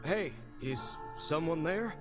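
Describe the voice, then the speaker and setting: A young male hero from a video game, calm and reassuring in tone. His pitch moves lively up and down. Game music sits clearly under the voice. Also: takes it slowly. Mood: wary. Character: young male hero exploring a wrecked ship.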